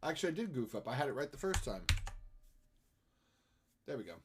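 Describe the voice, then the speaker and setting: A man's voice: medium pitch, very animated, fairly quick, noisy background. Chatty man streaming while he draws. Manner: chatty, self-deprecating, hums melodies. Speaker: streamer and artist. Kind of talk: casual live-stream chat while drawing.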